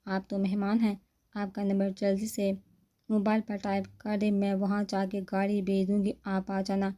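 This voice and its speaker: A talkative young woman cousin, friendly and insistent, read by a woman narrator. Her voice is mellow and level, with little rise and fall, like a storybook read aloud. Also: mid-range voice, completely flat delivery, natural voice. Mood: chatty.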